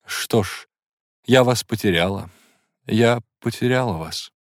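A man reads an audiobook in a lowish, slightly slow voice, voicing a proud, tormented woman with emotional intensity and a tense mood. The recording is dry and studio quality, pitched above his own voice yet close to an everyday sound.

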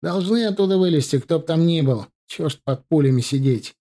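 A man voicing a cocky, confident young dragoon marksman in an audiobook, pitching his voice up. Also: fairly quick. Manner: shouting, confident. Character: young male dragoon sharpshooter, cocky and sure.

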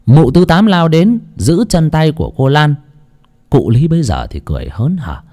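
A man's voice: mid-range voice, mellow. A man narrating an audiobook story in a dramatic way that rises and falls with the action. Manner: dramatic, rising and falling with the action.

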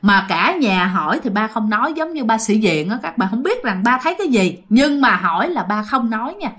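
A woman narrates a ghost story in a chatty, conversational way, speaking directly to her listeners. Her voice sits a little on the high side. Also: very animated, brisk, a bit bright.

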